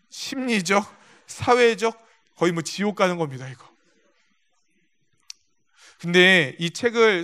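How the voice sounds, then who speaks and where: Man, pastor, sermon, church sanctuary, high voice, bright tone. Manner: storytelling with acted-out quotes; addresses the congregation directly.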